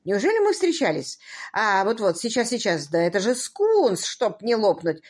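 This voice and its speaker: A jovial, worldly older gentleman with a breezy, teasing manner, as a woman reading an audiobook puts him on. His voice bounces with lively pitch. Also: moderate pace.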